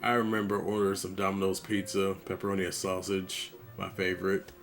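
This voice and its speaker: A man's voice: low voice, monotone, brisk, fairly bright tone, soft background music. A man vlogging about his gaming memories in a laid-back, conversational storytelling way. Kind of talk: storytelling monologue.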